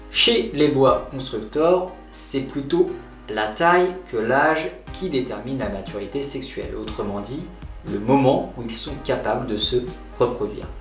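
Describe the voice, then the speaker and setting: A man giving a formal, instructive scripted narration in the style of a nature documentary. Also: medium pitch. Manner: didactic, formal phrasing. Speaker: presenter of an animal care video. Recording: roomy echo, distant mic, background music. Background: music.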